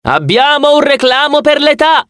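Male reader doing a shrill, bossy kid manager with an old lady's attitude, brash announcer, high and lively. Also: moderate pace, dry recording, clean studio sound. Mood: announcing. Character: pushy nine-year-old girl arcade manager, really an old lady.

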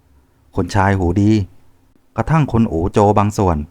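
A man voicing a flirtatious middle-aged innkeeper's wife in a slow, polite, deferential way. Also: on the low side, very animated, darkish tone, dry recording.

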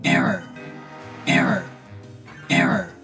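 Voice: slow, over music. A glitching robot agent from a video game, stuck in an error loop and giving clipped, mechanical status reports. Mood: malfunctioning.

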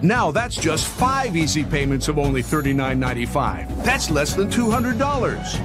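A man giving an emphatic, urgent sales pitch as a home shopping host and infomercial announcer. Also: very animated, moderate pace. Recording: music bed under voice. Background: music.

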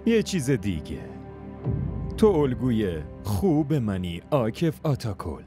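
A man's voice: mid-range voice, very animated, over music, lightly acted. A man dubbing a cocky, mocking young man in a drama series. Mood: smug. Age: young adult. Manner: smug, mocking. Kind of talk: Persian dub of a drama series.

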